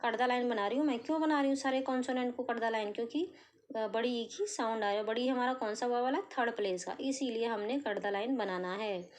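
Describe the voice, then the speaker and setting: A woman gives a patient, step-by-step lesson. She poses questions to an imagined class and answers them herself. She draws out each sound slowly as she goes. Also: a little high. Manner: explains patiently, asks and answers her own questions, sounds out letters slowly. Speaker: shorthand teacher. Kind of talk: step-by-step tutorial.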